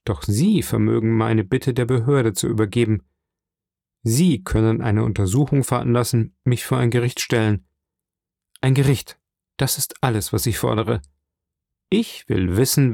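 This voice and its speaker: A man's voice: mid-range voice, normal speed, creaky, darkish tone, no room sound, clean studio sound, lightly acted. A man voicing a young sailor held in prison, pleading with passion for a trial in an audiobook reading. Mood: urgent imploring. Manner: impassioned, imploring.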